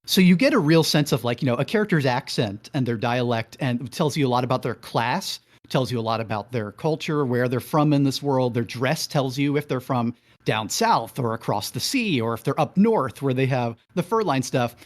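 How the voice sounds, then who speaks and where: A man's voice: medium pitch, expressive, normal speed. A man hosting a podcast in casual chat, analytical and rambling, often restarting his sentences. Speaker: podcast host.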